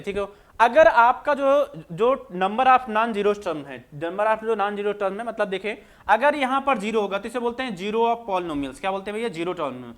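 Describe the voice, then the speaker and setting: A man. He keeps asking the class questions and answering them himself, repeating each point in a patient, drawn-out way. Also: high voice. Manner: repetitive, asks students questions then answers them. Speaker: maths teacher. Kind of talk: classroom lecture explaining on screen.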